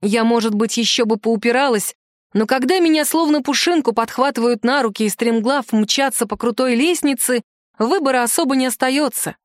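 A woman reading a first-person fantasy novel aloud in a lively, expressive way. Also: a little high, moderate pace, no echo, clean studio sound. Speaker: audiobook narrator.

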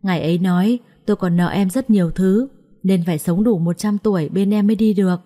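A woman voicing a calm, teasing young husband who is ill, speaking gently and reassuringly. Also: mid-range voice, fairly quick, close to an everyday voice.

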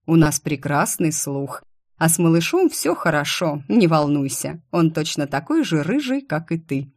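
Woman doing a teasing playful alien guy, lowish dry voice. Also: big pitch swings, normal speed, a little mellow, no echo, exaggerated voice. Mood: amused. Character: amused teasing male alien brother.

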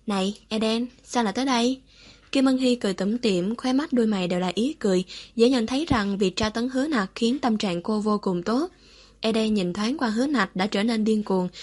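Woman reading a serial romance story on her channel, bit high voice, smooth even telling. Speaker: audiobook narrator, channel host.

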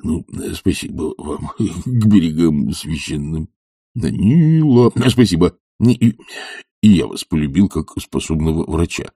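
A man voicing an older professor who grumbles and mumbles with weary, short-tempered gruffness. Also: sits low, animated, measured pace, warm tone, no echo, studio quality, pitched below the performer's own voice, full character voice.

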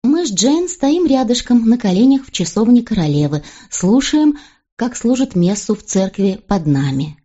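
A woman reading a novel aloud as an audiobook narrator, in a steady, even first-person storytelling voice. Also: fairly high pitch, moderate pace, slightly rough, muffled recording.

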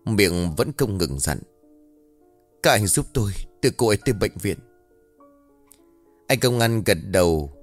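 A man narrating a scripted ghost story in an expressive storytelling way. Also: low-pitched. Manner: expressive storytelling, voices every character.

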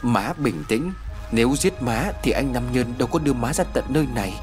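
A man's voice: medium pitch, animated, fairly quick, darkish tone, soft background music, close to an everyday voice. A man voicing a grave, pleading young village woman in a spoken horror story. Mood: earnest. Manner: earnest, pleading.

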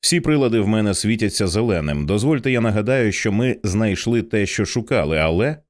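A man voicing a steady airline captain. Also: lowish voice, a little fast, no room sound, clean studio sound, natural voice. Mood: calm. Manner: steady, reassuring. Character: calm male airline captain.

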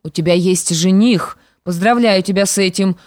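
A woman's voice: mid-range voice, normal speed, darkish tone, no echo, clean studio sound, close to an everyday voice. A woman voicing a scheming young widow, a stepmother who sounds falsely sweet and menacing. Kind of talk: audiobook character reading.

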